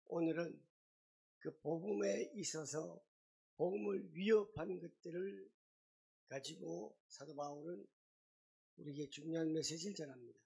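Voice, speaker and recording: A man preaching a sermon as pastor, emphatic, with rising bursts of loudness. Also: on the high side, vocal fry, slightly rough.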